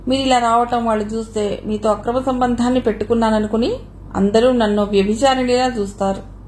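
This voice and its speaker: A proud young woman who speaks coolly and plainly, even when she asks for something, as a woman narrator reads her. Her voice is fairly high and close to the reader's own. It is a storybook reading. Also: a little fast, slight background noise, lightly acted. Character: proud young woman about to remarry, cool. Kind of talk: audio novel reading.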